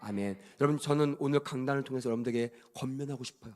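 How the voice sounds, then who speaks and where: A man preaching a sermon in church as pastor, emphatic, asking the congregation rhetorical questions and swinging between soft and loud delivery. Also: mid-range voice, rapid-fire.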